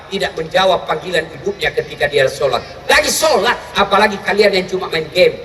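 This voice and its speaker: A male preacher with a high, bright, forceful voice gives a joking sermon and keeps firing questions at his listeners. He sounds far from the mic, with long echoey reverb from a large hall. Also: slight background noise. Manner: lively, joking, quizzes the listeners directly. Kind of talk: humorous sermon.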